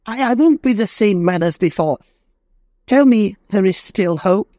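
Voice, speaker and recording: A man's voice: high voice, unhurried, a little mellow, no echo, clean studio sound, voice pushed up. A man voicing old Scrooge in a storybook reading, emotional and exclamatory, pleading with spirits. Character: old man Scrooge, repentant, desperate then overjoyed.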